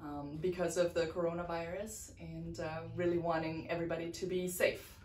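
A woman's voice: lowish voice, flat delivery, normal speed, darkish tone. A woman in her forties, president of a parish board, making a hesitant church announcement with many ums, recorded by a far camera in an office. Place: church office with bookshelves, indoors. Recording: roomy sound from a distance.

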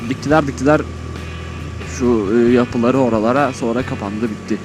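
On an open road, a medium-pitched motovlogger thinks out loud at a normal pace inside his helmet, keeping it loose and rambling. The recording is rough, with music and a passing vehicle audible.

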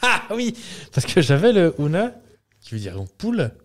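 A man co-hosting a casual podcast, guessing quiz answers with quick, jokey remarks and follow-up questions. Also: a little high, wildly swooping pitch. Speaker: podcast co-host.

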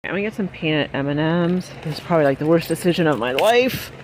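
A woman filming a casual shop-with-me vlog in a large warehouse store. She chats as she goes, reads prices aloud and drops quick excited exclamations. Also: low voice, a little hiss or hum. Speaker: shopping vlogger. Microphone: handheld phone camera while shopping.

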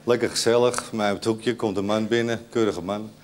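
A man telling a joke in a bar setting, deadpan and dropping his voice low for the punchline characters. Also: a little fast, heavy background noise. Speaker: joke teller.

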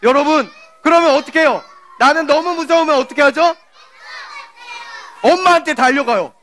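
A children's pastor, a woman with a high-sitting voice, delivers an animated children's sermon at a normal pace, telling a story, questioning the kids and acting out the scenes. A little hiss or hum can be heard.

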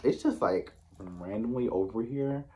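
A man's voice: fairly low pitch, unhurried, warm tone. A man from the US East Coast recapping a reality show in casual chat, chatty and sassy, full of "like" and slang asides.

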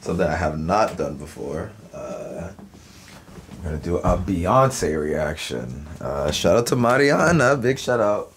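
A man's voice: sits low, sing-song, a little slow, slight background noise. A young man casually rambling to camera before a music reaction, swearing freely and laughing easily. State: has hiccups.

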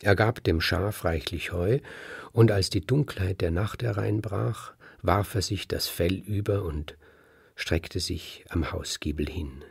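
A man telling a fairy tale aloud in a deliberate way, now and then asking his listeners a question. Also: sits low, creaky, slightly rough, dry recording. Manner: slow, deliberate, addresses listeners directly. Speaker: storyteller.

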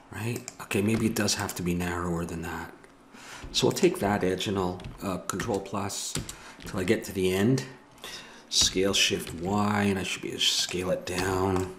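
In a deep, steady, fairly bright voice at a moderate pace, a middle-aged Ottawa Valley Canadian man thinks aloud while following a 3D modeling tutorial. He sits at a desk in a home room, talking to himself, musing and correcting himself as he goes. Slight background noise is present.

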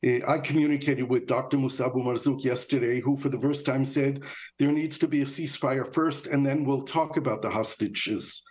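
A man's voice: mid-range voice, steady tone, fairly quick. A man in his sixties giving analysis in a news interview over a video call from his home office. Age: 60s. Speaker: interviewed Middle East negotiator.

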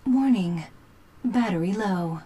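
An actress voicing a gentle, formal robot companion whose battery is running out and who is shutting down, in a video game. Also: female voice, mid-range voice, animated, takes it slowly, husky. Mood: alarmed. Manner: formal, courteous machine speech. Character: dying female robot companion, polite, gentle.

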